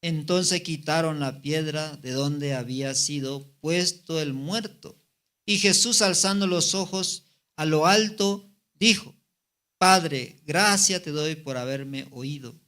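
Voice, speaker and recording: A man delivers a Sunday sermon in a fairly high voice. He reads scripture aloud, then stops to comment and ask the congregation rhetorical questions. His voice climbs and slows on the quoted lines. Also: sharp tone. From Bolivia. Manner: voice rises and slows for the quoted words. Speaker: evangelist preacher.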